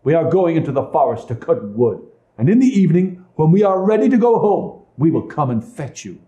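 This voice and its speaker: Guy doing a shrill mean stepmother, scolding and loud, echoey room. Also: big pitch swings, brisk, muffled recording. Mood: curt. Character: harsh scolding stepmother, woman.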